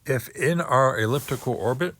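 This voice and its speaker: A man giving a physics lecture on orbits, working through figures slowly and thinking aloud with many pauses. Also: medium pitch, a bit bright, no room sound. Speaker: teacher.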